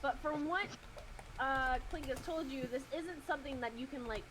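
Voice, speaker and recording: High-voiced woman running a tabletop game. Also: normal speed, noisy background. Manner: laughing, casual, swears playfully. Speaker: dungeon master.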